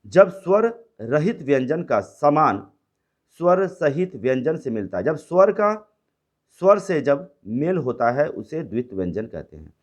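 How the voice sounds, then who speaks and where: A man's voice: on the high side, very animated, unhurried. A man teaching a school grammar lesson, explaining each term and repeating it in simpler words, slipping into English and Bengali phrases.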